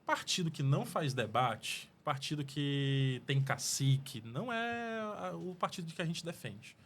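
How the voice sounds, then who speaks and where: A man's voice: on the high side, lively intonation, a little slow, a bit bright, slight background noise. A man with a Cearense accent, a political guest in a studio interview, talking earnestly and rambling with restarts. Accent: Cearense Portuguese. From Fortaleza, Brazil. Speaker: mayoral pre-candidate guest. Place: podcast studio.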